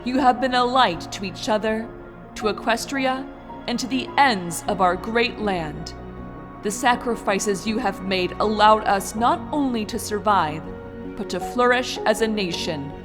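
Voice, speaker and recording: A woman's voice: mid-range voice, natural voice. A woman as a regal, serene Princess Celestia, over music. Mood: solemn, gracious. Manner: formal, regal, measured. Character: gracious, serene royal alicorn pony princess. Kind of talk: fan fiction audio drama acting. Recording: music behind the voice.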